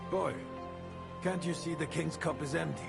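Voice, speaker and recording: Scornful loyal lord, game drama. Blunt, intensely gravelly, music underneath. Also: male voice, a little high, moderate pace. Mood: cold, assured. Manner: blunt, contemptuous. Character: harsh, scornful male lord, loyal to his king.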